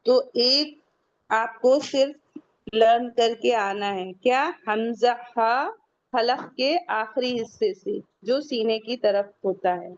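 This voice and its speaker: Woman teacher, online class, fairly high voice, patient and repetitive, muffled lo-fi call audio. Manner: patient, repeats key points for students to memorize. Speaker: Quran recitation teacher. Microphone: video call.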